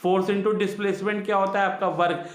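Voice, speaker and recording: Echoey high-voiced male physics teacher. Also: little pitch movement, moderate pace. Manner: repeats each key answer twice, asks the students questions. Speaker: science teacher. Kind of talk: classroom physics lesson.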